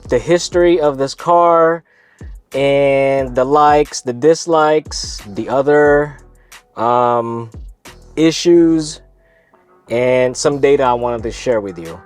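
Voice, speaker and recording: Over soft background music, a vlog host chats casually to the camera, wandering through his thoughts and correcting himself as he goes. His mid-range voice is stuffy and congested yet clear and resonant, and he takes things slowly.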